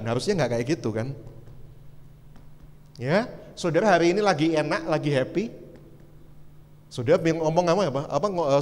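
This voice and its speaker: Young east javanese guy preaching to youth, kinda high voice, acts out the dialogue, big hall echo. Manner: animated storytelling, acts out dialogue, teasing rhetorical questions. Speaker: youth pastor. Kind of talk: sermon. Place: church hall. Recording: long hall reverb.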